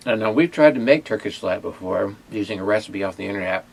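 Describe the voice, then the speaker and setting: A man hosting a casual food tasting video, talking in a halting way with many pauses and fillers. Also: fairly low pitch, lively intonation, creaky, a little hiss or hum. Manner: hesitant, many fillers and restarts. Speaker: ministry owner and host. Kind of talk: casual chat and taste test.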